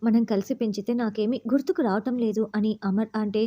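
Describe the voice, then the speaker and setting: A woman's voice: fairly high pitch, steady tone, fairly quick, mellow. A woman narrating a TV serial episode in a scripted retelling, reading each character's lines herself. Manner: reads all parts in quoted dialogue, lightly voicing each.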